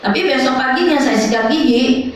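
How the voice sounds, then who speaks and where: A woman's voice: high-pitched, fairly quick. An older woman pastor, telling a testimony in a sermon and often turning to address the congregation. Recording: very echoey hall, mic far off.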